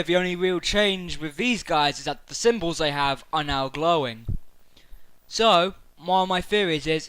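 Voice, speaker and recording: A man talking excitedly to camera about a video game, rambling through his theories with many fillers and restarts. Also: on the high side, smooth, no room sound, low-quality recording. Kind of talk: casual speculative chat to camera.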